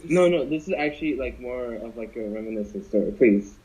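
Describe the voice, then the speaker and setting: Telling a story casually to friends, this young podcast co-host rambles with plenty of fillers and false starts. His mid-range voice is mellow and lively in intonation, and he talks fairly quickly. It's captured in dull, lo-fi podcast sound.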